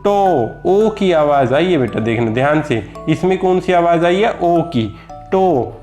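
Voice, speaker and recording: Indian man, teacher, slow patient lesson, repeats example words, fairly high voice, faint music behind. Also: lively intonation, darkish tone. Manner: patient, repeats each example word slowly, addresses viewers as children.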